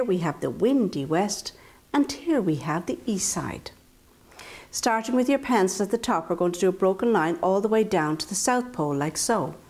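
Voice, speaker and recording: A woman's voice: mid-range voice, a little mellow. Playful woman hosting a children's drawing lesson. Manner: playful, encouraging, talks directly to young children. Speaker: children's drawing instructor and host. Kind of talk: step-by-step drawing tutorial for children.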